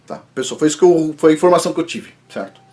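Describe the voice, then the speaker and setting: A man with a Brazilian accent giving a personal religious testimony in an animated way, often checking in with the listener. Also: on the high side, rapid-fire. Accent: Brazilian Portuguese. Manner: animated, often adds checking tags like "right?". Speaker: channel host telling a personal story.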